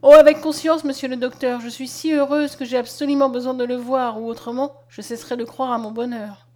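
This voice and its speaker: A woman reading the part of a deeply grateful young girl, in an emotional, exclaiming voice. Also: flat delivery, brisk, a little mellow, close to an everyday voice.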